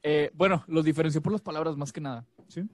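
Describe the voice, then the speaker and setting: A man's voice: on the high side, fairly even intonation, fast talker, darkish tone, dry recording. A man chatting casually and jokingly, telling things in profane slang. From Monterrey, northern Mexico. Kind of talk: casual chat.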